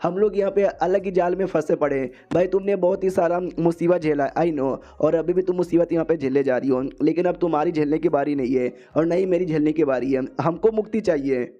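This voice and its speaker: Man voicing a young girl spirit, pleading, urging, slightly high, very mellow, muffled lo-fi sound. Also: a little fast, hardly any pauses, lightly acted.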